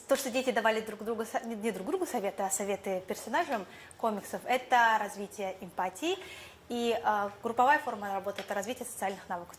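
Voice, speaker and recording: Answering jury questions in a teacher competition, a young Buryat-speaking teacher responds thoughtfully, using fillers and restarting sentences. She has a medium-pitched voice, with a little hiss or hum in the recording.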